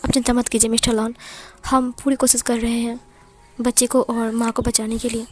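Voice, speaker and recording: A woman voicing a calm, reassuring hospital doctor who hesitates with fillers. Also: very high voice, normal speed, soft background music.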